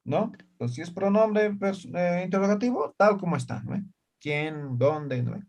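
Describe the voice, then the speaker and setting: A man's voice: high voice, expressive, normal speed, darkish tone. A man teaching an online class in Spanish and Aymara, often checking whether his students follow. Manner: asks frequent check questions.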